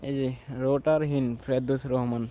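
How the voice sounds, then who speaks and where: A man walks through an outdoor graveyard and talks quietly as he goes. His voice sits at an ordinary pitch for a man, and the recording carries a steady wash of open-air ambience behind him. He speaks in a reflective, subdued way. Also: normal speed, slight background noise. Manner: hushed, reflective commentary while walking. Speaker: vlogger. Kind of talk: walking tour vlog.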